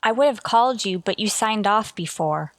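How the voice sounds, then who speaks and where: A woman's voice: medium pitch, animated, normal speed, lightly acted. A woman playing an earnest, sympathetic starship crew member in a sci-fi radio drama, speaking carefully and formally. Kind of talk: golden age sci-fi radio drama acting.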